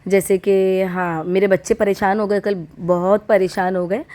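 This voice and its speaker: An unwell woman in her thirties talks to her vlog audience from home. Her voice is dark and mellow, held at a middling pitch. She chats on in a heartfelt, confiding way. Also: level tone, a little slow. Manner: chatty and heartfelt, speaks straight to viewers. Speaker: vlogger. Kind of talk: casual vlog talk to viewers.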